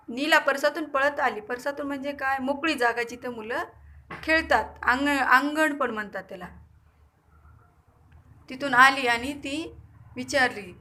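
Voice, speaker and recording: A woman's voice: high-pitched, pushed and bright. A woman teacher with a Marathi accent, reading a story aloud to young pupils, repeating lines, quizzing the children and acting out the characters.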